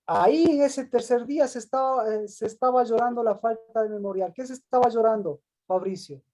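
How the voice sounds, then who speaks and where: A man's voice: extremely high pitch, fairly quick, warm tone. A male pastor giving an interactive Bible lesson who reads scripture aloud, asks questions, calls on people by name and repeats their answers back.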